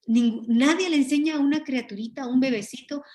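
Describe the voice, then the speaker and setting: A woman teaching a Bible study over a video call, earnest and animated, often correcting herself mid-sentence. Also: sits high, brisk. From Guatemala.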